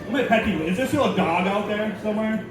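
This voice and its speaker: A man's voice: sits high, animated, quick pace. A man performing a stand-up comedy routine with crowd banter, telling jokes in a profane, mock-innocent way. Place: live comedy venue with an audience. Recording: very echoey venue, distant mic, loud crowd, noise. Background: loud audience crowd.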